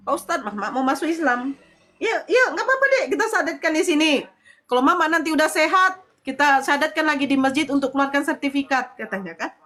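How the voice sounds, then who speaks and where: A woman's voice: high voice, a bit bright. A middle-aged woman telling her personal testimony as a convert, emotional and tearful, with pleading prayers in her story.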